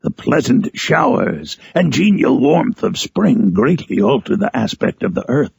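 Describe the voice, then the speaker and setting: A man voicing Frankenstein's monster, a lonely, eloquent man-made creature, in a solemn, harsh storybook narration with drawn-out phrasing. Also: mid-range voice, very animated, no echo, heavily acted. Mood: elated, solemn. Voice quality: harsh, gravelly, raspy. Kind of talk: dramatic audiobook narration in character.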